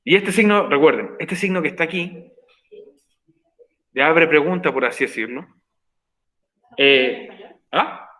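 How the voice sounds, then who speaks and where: Emphatic male English teacher, higher voice. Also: animated, a little slow, pauses often, pushed and bright, low-quality recording. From Chile. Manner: patient, repeats points for emphasis. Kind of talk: recorded online class explanation.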